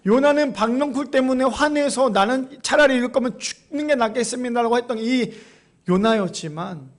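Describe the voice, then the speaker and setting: A man's voice: very high voice, normal speed. A man preaching a sermon as pastor, emphatic, often quizzing the congregation.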